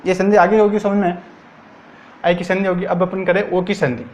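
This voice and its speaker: High-voiced man teaching grammar. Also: little pitch movement, normal speed, a little hiss or hum. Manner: repetitive, asks and answers his own questions. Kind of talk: exam-prep grammar lesson.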